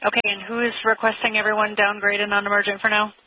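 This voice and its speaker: A woman's voice: mid-range voice, level tone, quick pace. A woman dispatcher confirming units and relaying status over a police radio channel. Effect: police radio transmission. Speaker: emergency dispatcher. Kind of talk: rapid radio dispatch traffic. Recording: tinny scanner radio, static noise.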